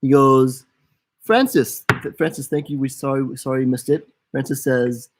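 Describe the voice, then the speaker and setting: A man's voice: mid-range voice, steady tone, moderate pace, noisy background. A young man from the United States co-hosting a casual live stream, joking and reading viewer comments aloud. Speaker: co-host of a travel channel.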